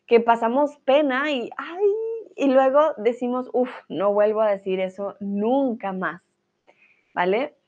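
A woman's voice: fairly high pitch, darkish tone. Encouraging woman teacher, dull lo-fi sound. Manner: encouraging, laughs often, says "¿vale?". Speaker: language teacher. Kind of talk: live online class, answering viewers' comments.

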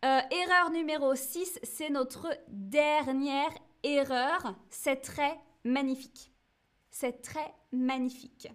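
A woman with a high voice teaches a French lesson on a live stream. She talks slowly and patiently, pausing to check that viewers follow and answering their chat messages as she goes. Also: steady tone. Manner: slow, clear, patient teaching with frequent checks.

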